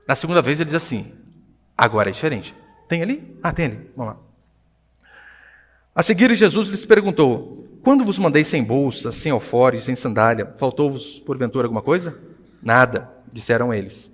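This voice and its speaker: A man with a Brazilian Portuguese accent, a pastor preaching a sermon with animated swings between hushed and loud delivery. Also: mid-range voice, normal speed, in a large hall. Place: church hall.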